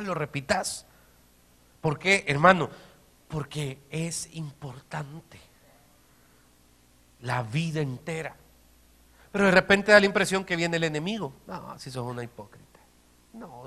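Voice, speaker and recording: A man, a pastor preaching a sermon, swinging between quiet, close remarks and loud, emphatic repeated phrases. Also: on the high side. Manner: dynamic preaching, swinging from soft to shouted emphasis.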